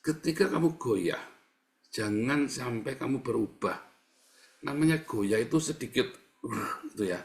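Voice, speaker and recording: A man's voice: mid-range voice, animated, unhurried, pauses often. A male pastor giving a sermon in a joking, conversational way, often addressing the congregation directly.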